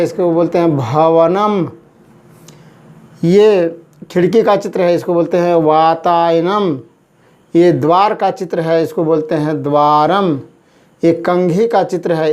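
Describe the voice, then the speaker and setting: Slow, patient male teacher. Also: high voice, a little mellow. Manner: slow, patient, repeats answers for students. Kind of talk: classroom lesson.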